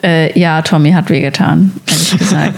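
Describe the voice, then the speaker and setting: A woman's voice: sits low, fairly even intonation, normal speed, creaky. Young woman, podcast co-host, chatty storyteller, filler-heavy, laughs easily. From Sauerland, Germany. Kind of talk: casual podcast chat.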